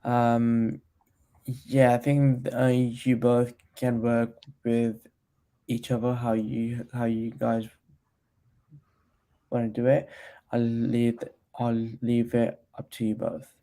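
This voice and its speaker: A man's voice: mid-range voice, monotone, takes it slowly, warm tone. A man hosting a casual coding livestream, hesitant with many restarts, reading viewer chat aloud. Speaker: stream host mentoring a developer.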